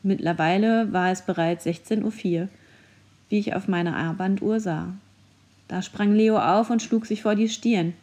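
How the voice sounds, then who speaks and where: A woman narrates a children's adventure story as an audiobook. Her delivery is clear and suited to storytelling. Her voice sits at a middle pitch and sounds mellow and warm. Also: fairly even intonation, normal speed.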